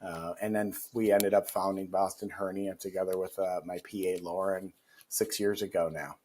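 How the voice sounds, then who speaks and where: A man from Israel, a surgeon, telling his story in an earnest, steady way with fillers. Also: deep voice, moderate pace. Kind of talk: interview answers.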